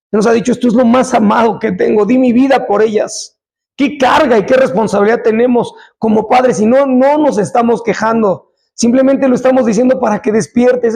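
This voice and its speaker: A man preaching a sermon in an impassioned, exhorting way, repeating phrases and sometimes shouting. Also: very high-pitched, vocal fry, breathy edge.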